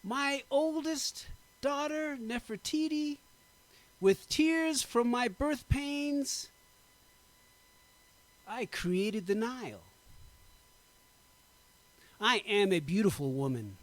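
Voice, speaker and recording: A man giving a dramatic poetry recitation, slow and emphatic, drawing out his words. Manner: slow, emphatic, drawn-out delivery with big pitch swings. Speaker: poetry performer.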